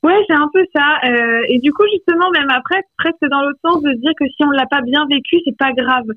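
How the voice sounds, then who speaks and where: A woman's voice: sits high, fairly quick, dry recording. A woman author, heard over a landline phone line, talking reflectively about her poetry in a radio interview. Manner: reflective, searching for words. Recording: tinny, dry phone line.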